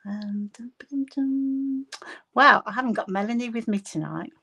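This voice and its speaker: Recorded on a phone propped on her desk at home, this woman hosts a casual craft livestream in a Bristolian accent, giggling often and greeting viewers by name. Her voice is a little high and bright, at normal speed, with vocal fry, a breathy edge and a forceful tone.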